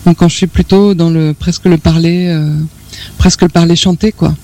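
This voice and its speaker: A woman singer as a guest in a radio studio interview, talking reflectively and hesitantly, pausing often to find her words. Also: lowish voice, steady tone, mellow. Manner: reflective, hesitant with many pauses and fillers.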